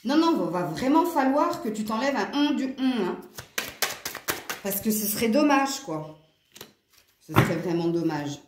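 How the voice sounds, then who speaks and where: A woman's voice: fairly high pitch, animated, measured pace, long pauses, roomy sound, noisy background. A woman with a southern French accent giving a casual tarot reading to her viewers, chatty and rambling. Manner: chatty and rambling, with frequent fillers and asides. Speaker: tarot card reader.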